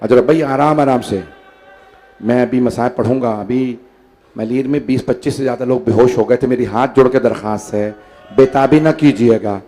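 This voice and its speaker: A man preaching a mourning sermon in a hall, telling the story with dramatic oratory that swings between loud declaiming and a hushed, lamenting voice. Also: mid-range voice, moderate pace. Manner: storytelling, acts out quoted speakers. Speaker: Shia cleric reciting a Muharram majlis. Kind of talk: impassioned majlis sermon. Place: large gathering hall.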